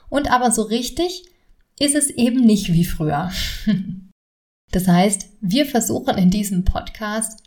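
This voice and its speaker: A woman's voice: mid-range voice, a little mellow. Woman hosting a coaching podcast. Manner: friendly, addresses listener directly. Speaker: podcast host and stress coach. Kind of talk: solo podcast talk with exercises.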